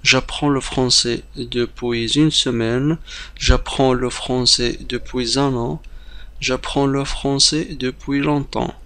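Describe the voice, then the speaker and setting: A man teaching a beginner language lesson, explaining briskly with some hesitations and repeating example phrases slowly like drills. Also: medium pitch, steady tone, fairly bright tone.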